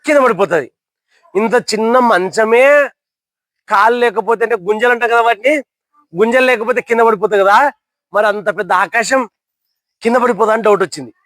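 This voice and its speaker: A man's voice: high-pitched, fairly quick, long pauses, a bit bright, no room sound. A young man telling a motivational story to listeners, asking them questions and acting out characters' lines.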